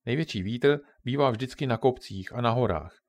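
A man's voice: medium pitch, lightly acted. A man voicing a curious, sensible young girl camper in a storybook reading.

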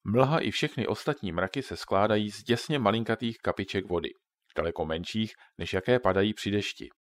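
A man's voice: lowish voice, no room sound, lightly acted. A man voicing a joking father who patiently explains things to his children in a storybook reading. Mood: jokey explaining.

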